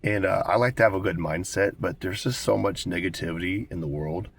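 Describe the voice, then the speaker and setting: An American man in his twenties with a cold and a raspy smoker's voice, chatting casually and candidly to viewers with plenty of swearing. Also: low-pitched, brisk, slight background noise. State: hoarse with a cold, smoker's rasp. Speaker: vlogger. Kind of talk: casual rambling talk to viewers.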